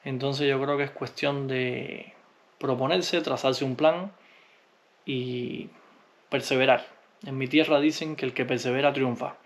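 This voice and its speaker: A man from Cuba, answering viewer comments in a relaxed, unhurried vlog, often pausing with hesitations. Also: mid-range voice. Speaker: vlogger.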